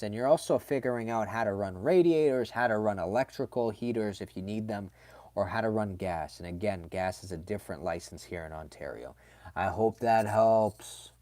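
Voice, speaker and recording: A man hosting a casual livestream and answering chat, talking in a chatty, animated way with slangy asides and plenty of fillers. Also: on the low side, dry recording.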